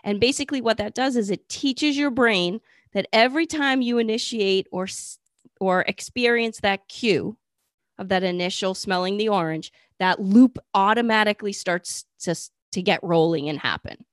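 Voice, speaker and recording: A woman co-host talks through an idea in an easy, conversational way and gives plenty of agreeing "mm-hmm"s along the way. Her voice sits at a middle pitch for a woman. The recording is dry and close. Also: moderate pace, dry recording. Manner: frequent affirming "mm-hmm" and laughs. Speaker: podcast co-host. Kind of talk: casual conversational explaining.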